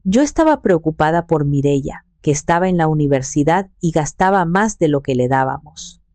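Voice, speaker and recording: A woman in her sixties narrating a first-person story in a calm, measured way. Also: low voice, no room sound. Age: 60s.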